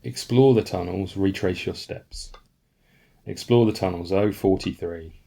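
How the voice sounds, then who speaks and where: Low male voice, relaxed host of a solo board game playthrough who reads the rules and thinks aloud. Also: a little slow, creaky. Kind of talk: casual tabletop playthrough.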